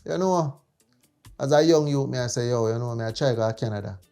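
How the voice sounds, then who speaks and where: A podcast host with a Jamaican accent leads a casual chat in slangy, emphatic Patois, repeatedly using check-in phrases. His mid-range voice is warm, clear and resonant, a little fast, with music playing behind him.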